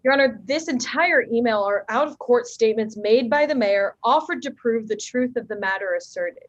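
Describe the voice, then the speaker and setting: A woman's voice: on the high side, expressive, moderate pace, muffled recording. A young woman trial advocate making a firm, argumentative legal objection in a formal courtroom, with a few restarts, heard through a courtroom recording.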